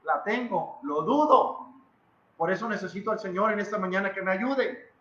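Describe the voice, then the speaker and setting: A man's voice: sits high, normal speed, sharp tone, roomy sound, highs cut off, slight background noise. A man with a Mexican Spanish accent preaching a sermon in a church, emphatic and dramatic, who repeats phrases and puts questions to the congregation. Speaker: pastor. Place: church hall.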